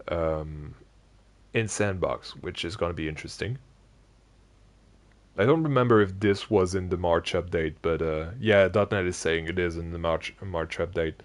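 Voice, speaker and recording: Man, very low voice, casual live-stream chat, sleepy, rambling with fillers. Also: unhurried. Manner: rambling, many restarts and fillers, chatting with viewers. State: sleepy, yawning.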